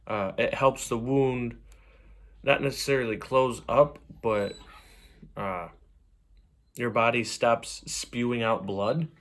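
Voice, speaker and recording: A man talking casually and unscripted to camera, giving advice from his own experience in a rambling, conversational way. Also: mid-range voice. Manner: rambling, conversational, repeats "you know". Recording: clearly noisy background with clicks.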